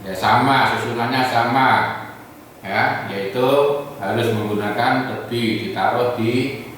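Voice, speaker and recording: A male teacher works through his examples one slow step at a time, tagging almost every phrase with a quick "ya". He is heard from some way off the mic, in a strongly echoing room with a faint hiss of background noise. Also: medium pitch, steady tone, fairly bright tone, recorded from a distance. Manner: slow, patient, repeats "ya" and each example. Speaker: English teacher. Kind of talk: classroom lesson explanation.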